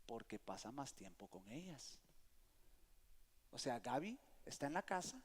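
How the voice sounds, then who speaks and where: A middle-aged pastor preaches a sermon in a church sanctuary, his husky, mid-range voice moving at a measured pace. He's a lively storyteller who keeps calling on the congregation for amens, and the long reverb of the church hall carries every word.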